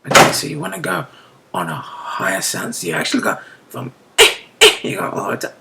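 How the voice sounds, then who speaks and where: A beatbox tutor casually explaining a technique step by step, often checking in with "right?" and dropping into soft whispered asides. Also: mid-range voice, big pitch swings, fairly quick, gravelly, very noisy.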